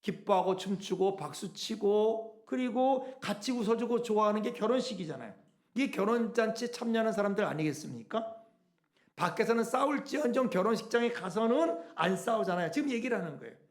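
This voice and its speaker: High, animated Korean pastor preaching. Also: male voice, brisk. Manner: animated preaching with rhetorical questions; acts out quoted speech. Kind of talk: sermon.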